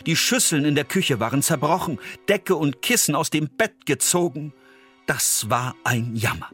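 A man reads a fairy tale aloud with an animated, rising and falling voice. He drops low and soft at tense moments, over quiet background music. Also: normal speed, husky. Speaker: narrator.

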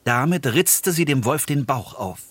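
A man narrating a fairy tale in an expressive storytelling voice that sinks low and soft at tense moments. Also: a little slow.

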